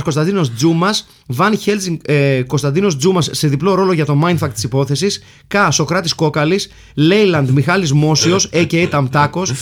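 Man, podcast host, slightly high voice, playful, reads lists of names. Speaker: podcast host reading listener mail. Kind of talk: casual comedic film chat.

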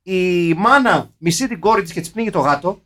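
High-voiced man in sarcastic film chat. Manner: mock-serious, sarcastic, deadpan praise. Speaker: podcast co-host reviewing a film. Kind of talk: ironic casual film chat.

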